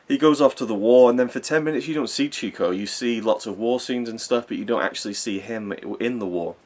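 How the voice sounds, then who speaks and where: A man's voice: medium pitch, a little fast, darkish tone. A young man giving a casual, rambling, earnest film review, swearing now and then and getting openly emotional.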